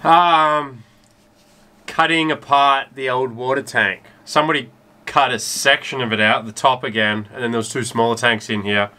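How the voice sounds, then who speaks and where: Captured on noisy on-location camera audio, this sailing vlogger in his thirties chats casually about the repairs he's carrying out on his boat, both below and on deck. He speaks in a mid-range voice that sounds pushed and bright.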